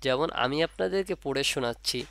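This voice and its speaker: A man's voice: mid-range voice, fast talker, creaky, fairly bright tone, no echo. A man with a Bangladeshi Bengali accent teaching Arabic letter pronunciation, patient, repeating points and drawing sounds out to demonstrate them. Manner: patient, repeats and asks the class questions. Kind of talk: Quran letter pronunciation lesson.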